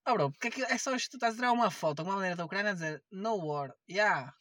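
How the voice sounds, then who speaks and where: A man's voice: high-pitched, animated, rapid-fire, fairly bright tone, no room sound. A young man with a European Portuguese accent, chatting casually and informally with plenty of slang. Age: young adult. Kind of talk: casual chat.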